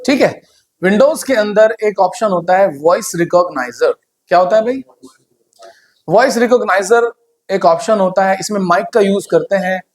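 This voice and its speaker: High-voiced man teaching class. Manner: conversational, asks the class questions. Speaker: computer hardware teacher. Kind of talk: classroom lecture.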